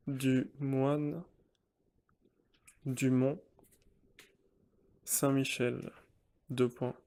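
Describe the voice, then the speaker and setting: A man dictating a text as a teacher, in deliberate short repeated phrases with the punctuation spoken aloud. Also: mid-range voice, dark tone.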